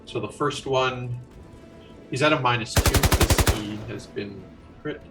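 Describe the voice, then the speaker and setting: A man's voice: medium pitch, measured pace, recorded from a distance, loud music behind the voice. A man narrating combat as game master of a tabletop role-playing game, in a casual, rambling way with many fillers.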